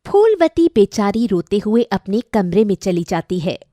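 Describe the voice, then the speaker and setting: A woman narrating a cartoon family story in a lively storytelling manner. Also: mid-range voice, unhurried, no echo, faint music behind.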